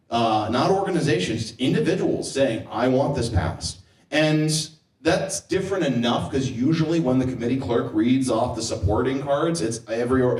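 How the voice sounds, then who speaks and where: Male lawmaker on a panel, measured storytelling tone, room echo, distant mic. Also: medium pitch. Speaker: state legislator on a panel. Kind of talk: conversational panel discussion.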